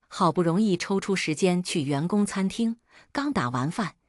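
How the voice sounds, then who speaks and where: A woman's voice: on the low side, lively intonation, moderate pace, no room sound, studio quality. A woman narrating a romance novel in the first person, reading every part in her own voice. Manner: reads all parts in her own voice.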